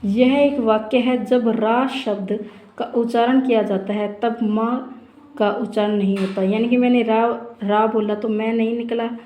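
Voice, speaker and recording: A woman's voice: a little high, fairly even intonation, measured pace, dark tone, slight background noise. Woman teaching Sanskrit in an echoey room. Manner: explanatory, repeats points with rhetorical questions. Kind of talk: exam-prep lecture.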